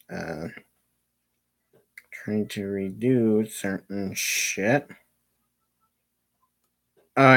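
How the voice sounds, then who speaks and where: In a mid-range, slightly bright voice, a streamer plays on a livestream and offers offhand, self-directed commentary, mumbling along and cursing frequently.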